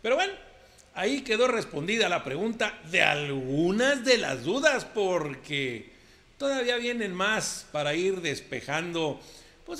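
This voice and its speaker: Folksy Mexican comedian host. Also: male voice, high-pitched, sharp tone. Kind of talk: casual sign-off.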